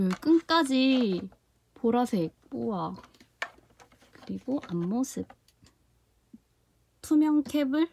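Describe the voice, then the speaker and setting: Excitable young woman unboxing a toy. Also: fairly high pitch, slight background noise. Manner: excited gasps and exclamations while handling the product. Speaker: toy review vlogger. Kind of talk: casual unboxing review.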